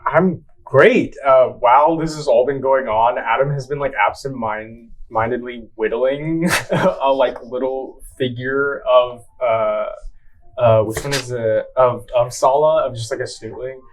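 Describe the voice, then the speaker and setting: A woman with an unusually deep voice plays a tabletop game, talking in a hesitant, giggly way. She trails off often and leans on fillers. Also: steady tone, a little slow, rough recording. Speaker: player. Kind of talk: casual tabletop game play.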